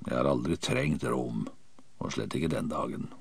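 Deep-voiced male audiobook narrator. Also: vocal fry, breathy edge. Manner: vivid, dramatic reading. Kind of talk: first-person audiobook narration.

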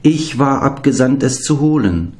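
Male reader as a dignified, worried swan messenger in a storybook, voice lifted, slow and grave. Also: medium pitch, animated, a little mellow, voice pushed up, natural voice. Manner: solemn, fretting murmur.

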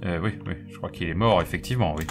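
This gaming video host talks fast in a low-pitched voice, joking around casually and reasoning out loud as he plays. Game music runs in the background of the let's play.

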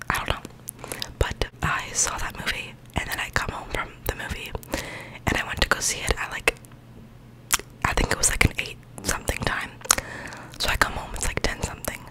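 A young woman tells everyday stories in an intimate, breath-only whisper. She rambles informally, right up close to the microphone, in a casual ASMR style. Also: low-quality recording. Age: young adult. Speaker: ASMR creator. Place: small bedroom, indoors. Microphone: large microphone with foam cover, very close.

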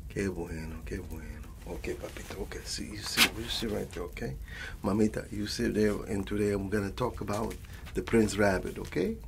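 Voicing an affectionate elderly grandfather with a Latin American Spanish accent, a man softly narrates a bedtime story for an ASMR roleplay in a doting, tender mood. Mixing Spanish and English, he meanders and keeps repeating loving terms of endearment. The voice is gravelly, fairly low, and fairly quick, with background noise behind it.

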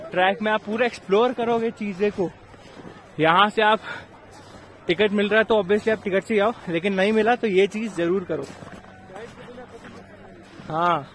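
A young male travel vlogger chats casually with viewers on a mountain trail, calling them brother, or bhai, while filming on a handheld camera. His voice is high-pitched, with slight background noise.

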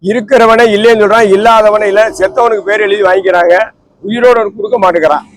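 A man's voice: high voice, steady tone, quick pace, poor audio. A man, a holy man, talking outdoors under a tree in an impassioned, lamenting and preachy way. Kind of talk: impassioned talk.

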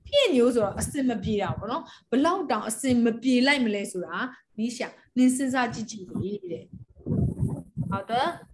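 A woman's voice: fairly high pitch, expressive, unhurried, background noise. A woman teaching a Chinese class, explaining phrases and calling on students to read. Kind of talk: classroom instruction.

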